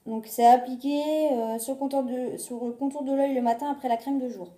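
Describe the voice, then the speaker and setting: A woman with a warm, high voice and fairly even intonation talks a little fast as she presents a shopping haul. Her phone rests on a glass on a table, and the audio is reverberant with slight background noise. She's a chatty, hesitant beauty and shopping vlogger, full of fillers and restarts.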